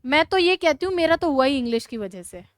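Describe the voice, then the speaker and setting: Brisk high-voiced woman teaching a class. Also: very animated, dry recording. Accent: Rajasthani Hindi. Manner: brisk, scolding, urges students to write fast. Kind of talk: classroom lecture.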